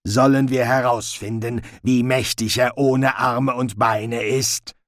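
A man voicing a cruel, imperious lord who speaks slowly and with quiet menace. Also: lowish voice, lively intonation, husky, no room sound, clean studio sound, exaggerated voice. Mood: menacing. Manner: slow, menacing, commanding.

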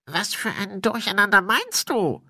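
A man's voice: high voice, very animated, a little slow, bright, forceful tone, dry recording, studio quality, pitched above the performer's own voice, exaggerated voice. Man doing a whining drunken male ghost. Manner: whining, self-pitying.

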